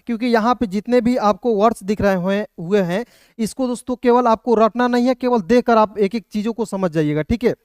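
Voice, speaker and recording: A man gives a patient, repetitive video lesson, walking through each point step by step. He often asks his viewers a short check question and answers it himself. His voice is smooth and resonant, and the sound is dry and close. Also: sits high, a little fast, a little mellow, no room sound. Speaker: English teacher.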